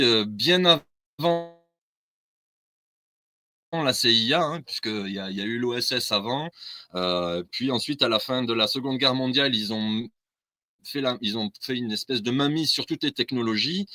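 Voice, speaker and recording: A man's voice: medium pitch, pushed and bright, dry recording. A man, a guest in a casual discussion, explaining his views earnestly and at length.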